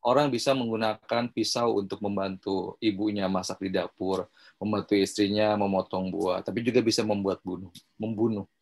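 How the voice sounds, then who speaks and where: A man speaking as a guest in a casual podcast chat, explaining his views in a measured way. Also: fairly low pitch, steady tone, a little mellow.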